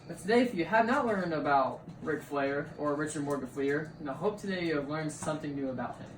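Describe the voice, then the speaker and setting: A young man gives a class presentation speech, halting and repeating himself as he talks. He sounds distant from the mic, and the room rings with echo. A steady hum of noise sits behind his voice. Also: a little high. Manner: halting, often repeats words and leans on "like".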